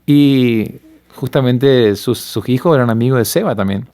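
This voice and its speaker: A man's voice: medium pitch, moderate pace. A middle-aged man with a Paraguayan accent, a pastor and father telling stories earnestly in conversation. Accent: Paraguayan Spanish. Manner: earnest, animated storytelling. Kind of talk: conversational testimony.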